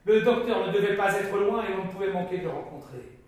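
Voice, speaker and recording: A man narrating a classic novel in a dramatic, measured way. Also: sits high, lively intonation. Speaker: reader. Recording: very echoey, distant mic.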